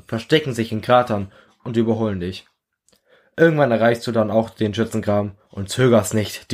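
A man reads his own short story aloud, speaking in second person. His low voice stays measured and earnest. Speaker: narrator.

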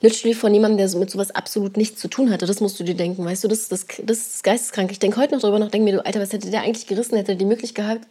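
Fast-talking young woman, dark voice. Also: medium pitch, steady tone, slightly rough. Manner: rambling, lots of fillers and slang tags. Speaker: podcast co-host. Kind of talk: casual storytelling chat.

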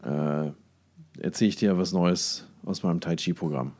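Searching for words and often hesitating, this man co-hosts a podcast in a casual chat. His voice sits low with a darkish tone and moves at a moderate pace.

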